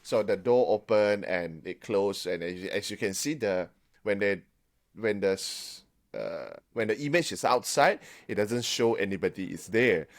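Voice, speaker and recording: A man with a lowish voice co-hosts a ghost-story podcast. He speaks in a relaxed, colloquial way, peppering his talk with "lah" and chuckling at his own jokes. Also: normal speed. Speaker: podcast co-host.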